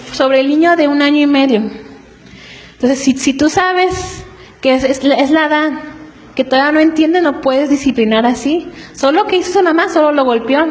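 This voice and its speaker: A woman preaching to a congregation in an earnest, explanatory way, often checking in with quick rhetorical questions. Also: sits high, poor audio. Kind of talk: church teaching on family.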